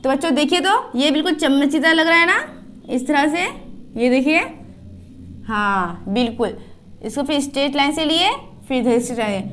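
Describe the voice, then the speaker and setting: A woman teaching children to write letters, with slow repeated drills and questions to the class. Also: high-pitched, a bit bright. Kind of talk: children's writing lesson.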